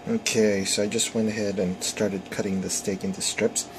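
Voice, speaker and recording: Low gravelly guy filming himself searing steak on his phone, lots of ums, loud sizzle behind. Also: level tone. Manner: halting, many ums and restarts. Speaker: home cook demonstrating. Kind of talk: casual cooking demo narration. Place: home kitchen, searing at the stove. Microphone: phone camera. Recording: phone video with sizzling pan noise. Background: frying sizzle.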